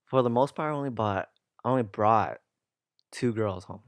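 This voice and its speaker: A young man co-hosting a casual podcast, talking at a low pitch in an easygoing way. He swears freely and trails off mid-thought. The sound is dry and close to the mic. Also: normal speed, no room sound. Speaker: podcast co-host. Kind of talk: casual chat.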